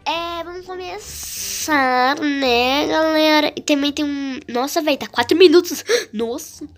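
A woman with a Brazilian Portuguese accent giving chatty, excitable gameplay commentary full of slang. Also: high voice, a little slow, a little hiss or hum. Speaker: gaming YouTuber.

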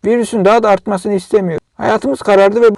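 A man's voice: sits high, fairly even intonation, fast talker, gravelly, darkish tone, dry recording. A man vlogging an agitated, scolding rant to his viewers. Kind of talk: angry monologue to camera.

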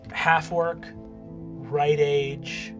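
A man in his thirties running a tabletop game from a studio table as game master, playful, with hushed asides. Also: a little high, fairly even intonation, extremely slow, over music. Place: tabletop game studio with a large miniature set.

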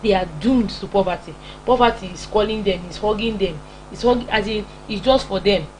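A young Nigerian woman, working as a preacher and broadcast host, speaks fairly quickly in a mid-range voice. Her informal motivational sermon is emphatic, repetitive and scolding, delivered in a Nigerian accent. It was captured in a small home-style indoor studio on a low-quality recording with clear hum and noise.

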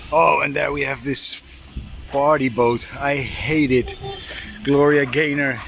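This sailing vlogger is a middle-aged man whose gravelly, slightly bright voice stays steady as he takes his time. Holding a camera at arm's length, he chats casually and explains DIY work at a harbor boatyard and on deck, with outdoor noise and rumble all around.

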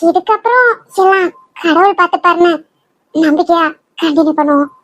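A woman voicing a calm, reassuring doctor in a cartoon drama, speaking in Kanyakumari Tamil. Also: very high-pitched, brisk, no echo, dull audio, voice pushed down. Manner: soothing, steady reassurance.

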